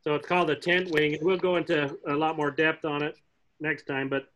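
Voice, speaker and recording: A middle-aged man teaching a casual online fly fishing class from home, chatty and relaxed, joking with the kids as he shows flies on a webcam. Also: fairly high pitch, moderate pace. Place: home room, indoors. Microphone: laptop webcam on a video call. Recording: dull lo-fi video call audio.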